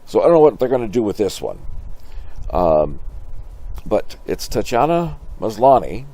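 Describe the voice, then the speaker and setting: An older man giving halting, musing, off-the-cuff commentary in a grandpa voice, as host of a reaction video. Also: lowish voice, sing-song, dark tone. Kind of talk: casual off-the-cuff trailer commentary. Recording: slight background noise.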